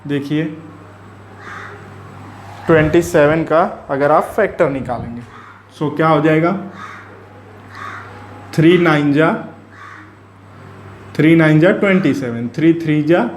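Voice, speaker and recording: Male math teacher, slightly high voice, patient repeated questions, roomy sound. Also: a little hiss or hum. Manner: slow, repetitive, keeps asking and answering his own questions. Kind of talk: explaining a classroom lesson. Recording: echoey room.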